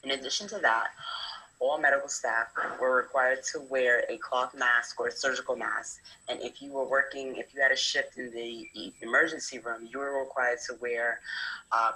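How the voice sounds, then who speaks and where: Her voice is a bass, steady and sharp-toned at normal speed, and the audio is poor. She is a young adult medical student intern from New Jersey, USA. In a prepared talk from experience, she lays out a hospital's procedures methodically, with frequent fillers.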